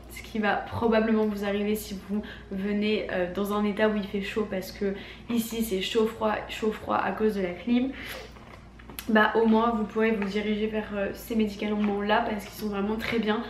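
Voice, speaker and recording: A young woman with an accent from France chats casually and emphatically about her shopping, her voice honking and nasal like a duck from a cold. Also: medium pitch. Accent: French from France. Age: young adult. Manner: informal, filler-heavy, emphatic. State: congested, sick with a cold. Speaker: beauty vlogger. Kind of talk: casual chatty product haul. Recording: echoey room, faint background noise.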